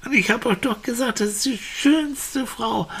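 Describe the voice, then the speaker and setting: Lady doing a squeaky little boy in a storybook tale, high and pleading, stretches words slow. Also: a bit bright, breathy edge, exaggerated voice. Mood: insistent. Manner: insistent, pleading. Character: small boy searching for his mother.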